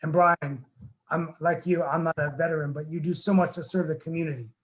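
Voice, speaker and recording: A man hosts a webinar over a video call. His voice sits a little high for a man. He rambles earnestly, with many restarts and fillers. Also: steady tone, brisk, poor audio. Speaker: webinar host, town council member. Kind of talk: casual webinar talk.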